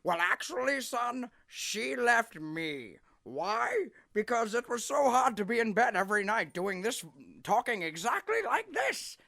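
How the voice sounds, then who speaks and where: A man's voice: extremely high pitch, very animated, a little slow, vocal fry, pushed and bright, no room sound, pitched above the performer's own voice, full character voice. A man voicing Lord Death, a cheerful, goofy, nonchalant cartoon father with a chirpy, folksy, breezily blunt manner. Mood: breezy, chatty. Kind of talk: comedic cartoon character voice.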